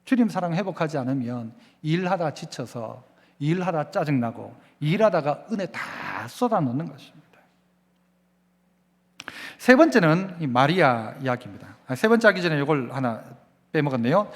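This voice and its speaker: A male pastor delivers a sermon in a high, lively voice that rises and falls widely. He keeps turning to the congregation with questions and has them repeat lines back. The sound carries the long reverb of a church hall. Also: normal speed. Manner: preaching with call-and-response questions to the congregation.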